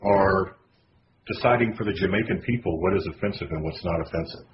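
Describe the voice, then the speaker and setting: Deep-voiced man hosting a lo-fi podcast. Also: fairly quick. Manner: hesitant, many fillers, reads quotes aloud. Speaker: podcast host. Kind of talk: casual podcast commentary. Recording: dull lo-fi podcast audio with noise.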